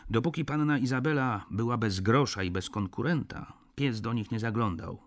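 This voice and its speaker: A man's voice: mid-range voice, normal speed, lightly acted. An actor reading a sardonic, cynical middle-aged male doctor in an audiobook, blunt and lecturing.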